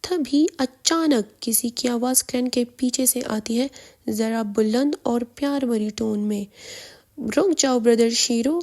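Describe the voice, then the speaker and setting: Chatty woman recapping a comic. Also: a little high. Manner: chatty, lively storytelling. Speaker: story recap narrator. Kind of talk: casual comic story recap.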